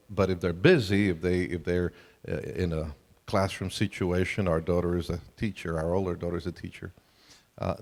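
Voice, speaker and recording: A seminar speaker from Colombia, middle-aged or older, addresses an audience in a large camp-meeting hall with a conversational talk on family. His low-pitched, darkish voice carries over a reverberant hall sound system.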